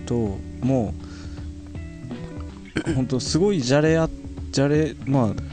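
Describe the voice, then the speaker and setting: A man's voice: mid-range voice, a little slow. A man in a casual chat, reacting with short interjections and quips as a co-host. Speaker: radio talk show co-host. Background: guitar music.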